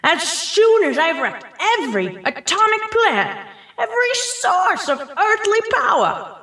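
Woman playing Mole Man, a slow, grandiose, swooping villain. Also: very high voice, big pitch swings, sharp tone, heavily acted. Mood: menacing gloating. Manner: grandiose, gloating, theatrical. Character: megalomaniac underground villain Mole Man, gloating and theatrical. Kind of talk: hammy amateur radio play acting. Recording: roomy echo, distant from mic.

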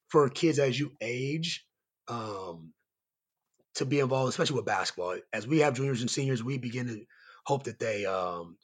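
A man with a raspy, hoarse voice, worn from yelling, giving earnest, rambling answers as a coach being interviewed. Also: medium pitch. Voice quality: raspy, strained voice. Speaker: high school basketball coach and site coordinator, guest.

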